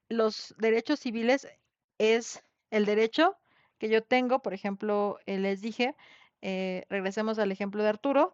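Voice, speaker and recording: This is a woman with a Mexican accent running an informal online lecture, frequently asking students tag questions as she goes. Her medium-pitched voice is smooth with a darkish tone. No room sound is audible, but the audio is dull and lo-fi, typical of an online class.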